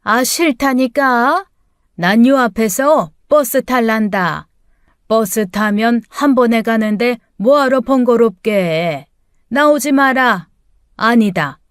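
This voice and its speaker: A woman's voice: fairly high pitch, no echo, clean studio sound. A woman putting on a bossy, nosy old mother-in-law. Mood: grumbling. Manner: bossy and grumbling, slow drawl. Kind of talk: audiobook story reading.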